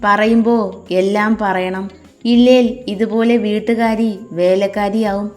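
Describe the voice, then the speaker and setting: A woman's voice: mid-range voice, fairly even intonation, a little slow, a little mellow, natural voice. A woman voicing a stern old grandmother who scolds bluntly in a storybook.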